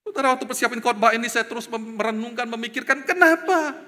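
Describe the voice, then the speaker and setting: Male evangelist in his 30s, high voice, animated storyteller; church hall with long reverb. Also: rapid-fire. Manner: animated storytelling, swings from loud proclaiming to soft asides. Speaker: evangelist preacher. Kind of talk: sermon. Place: church sanctuary.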